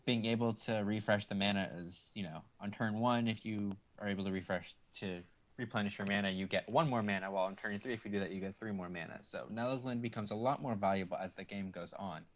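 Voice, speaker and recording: A man commentating a card game stream, explaining plays in a measured, slightly hesitant way. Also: fairly low pitch.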